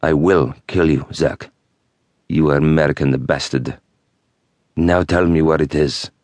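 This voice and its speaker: A man's voice: steady tone, darkish tone, no room sound. A man doing a menacing Middle Eastern-accented captor. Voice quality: resonant, deep. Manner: slow, low, threatening. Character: menacing male captor, cold, threatening.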